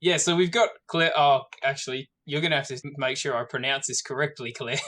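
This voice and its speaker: A man chatting casually as a podcast host and interviewer, at a middle pitch. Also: fairly quick, fairly bright tone. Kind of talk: casual bantering chat.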